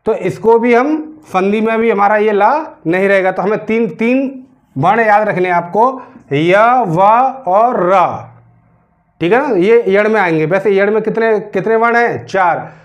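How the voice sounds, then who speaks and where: High-voiced teacher explaining grammar. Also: male voice, measured pace. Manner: repeats questions to the class, drags out words while writing. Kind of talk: classroom grammar lesson.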